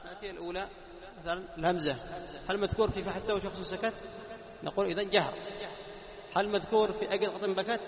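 Male teacher, fast-talking, drills his class with repeated questions; dull lo-fi recording. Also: high voice, fairly even intonation. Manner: quizzes students, repeats key terms, slows down to recite examples. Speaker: Quran recitation teacher. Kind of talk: classroom lesson on tajweed. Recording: echoey hall, dull lo-fi sound.

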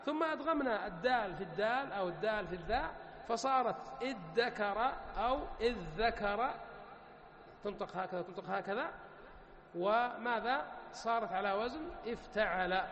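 A man teaching a grammar lesson, drawing words out slowly and asking questions he then answers himself. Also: extremely high pitch, fairly bright tone, reverberant, long reverb tail. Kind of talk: classroom lecture on morphology.

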